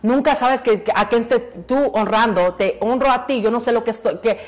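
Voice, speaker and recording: A woman's voice: on the high side, moderate pace, darkish tone. A woman, a pastor's daughter, giving an earnest testimony in an interview, repeating phrases for emphasis and slipping in English words. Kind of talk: emotional testimony in a church interview.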